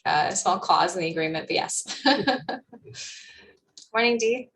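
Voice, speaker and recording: A woman's voice: medium pitch, animated, slow, fairly bright tone. Young woman running a zoom meeting, lots of ums and laughs, sounds a bit far off. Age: young adult. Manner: chatty, laughing, filler-heavy. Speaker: meeting host. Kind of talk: casual video-call chat. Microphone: video call.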